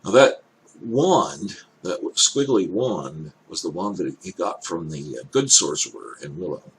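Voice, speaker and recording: An older man with an elderly-sounding voice gives casual off-the-cuff commentary, thinking aloud in halting, hesitant phrases. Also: sits low, lively intonation, low-quality recording. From Canada. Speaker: reaction video host. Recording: clear background noise.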